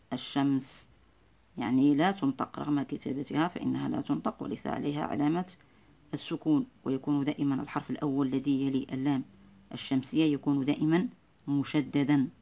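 A male teacher giving a spelling lesson, speaking formally and patiently, repeating words and single sounds slowly for learners. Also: medium pitch, dark tone. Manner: formal, patient classroom delivery.

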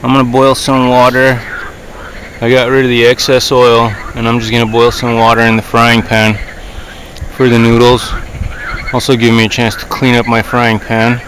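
A man in his thirties who vlogs outdoors grills fish on a campfire beside a river, talking easygoingly to his audience while he works. He speaks at a normal speed in a monotone, mid-range voice with a fairly bright tone, and frogs and outdoor ambience fill the noisy camera audio.

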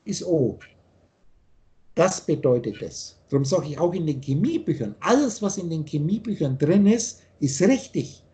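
An older man holds forth over a video call, his voice pitched high yet dark and mellow in tone. He lectures like a spiritual teacher, rambling and insistent, often breaking off and restarting his sentences. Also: animated, normal speed. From Austria.

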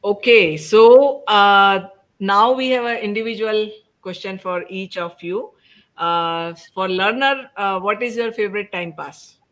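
A middle-aged woman with a mid-range, slightly bright voice hosts an informal panel discussion over a video call from her home. Unhurried, she poses questions to the group and nudges people to respond.

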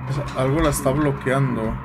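A man giving jokey, slangy horror-game commentary and yelling when scared. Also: mid-range voice, steady tone, normal speed. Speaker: gaming YouTuber. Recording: game music behind voice.

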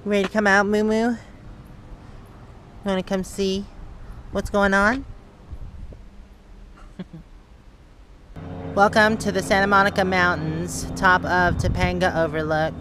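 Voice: medium pitch, measured pace, long pauses. A vlogger narrating a road trip in a casual, chatty way, with fillers, filmed from inside a car and then outdoors on a hilltop. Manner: relaxed, chatty, with frequent fillers. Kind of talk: casual travel vlog narration. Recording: loud car and road noise.

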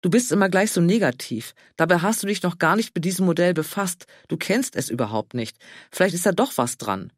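A man voicing a fussy, anxious older man who pleads and frets in a high voice. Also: lively intonation, a little fast, dry recording, clean studio sound. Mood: fretful.

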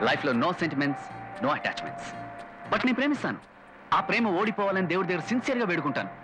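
Cocky carefree young man, animated voice, light music under. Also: sits high, normal speed, long pauses, low-quality recording. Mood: breezy. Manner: breezy, boastful chat with chuckles. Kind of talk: dubbed film dialogue.

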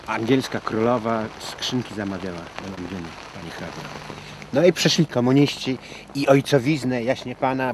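An actor playing a fawning, old-fashioned male servant who lingers on his pauses and swells into theatrical declamation. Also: mid-range voice, slight background noise, lightly acted, poor audio. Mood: obsequious. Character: fawning old-world male servant, lamenting a lost estate. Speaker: servant guiding a count through the estate. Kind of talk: film acting.

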